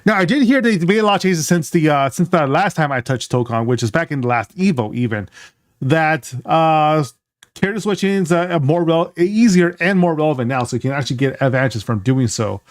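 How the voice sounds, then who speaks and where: A man's voice: on the high side, a little fast, dry recording, studio quality. A man hosting a reaction video, giving casual, analytical game commentary as he thinks aloud.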